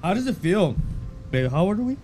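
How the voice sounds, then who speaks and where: A man's voice: sits high, big pitch swings, brisk, a little mellow, faint music behind. A man in his twenties in casual chat with friends, profane and teasing. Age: 20s.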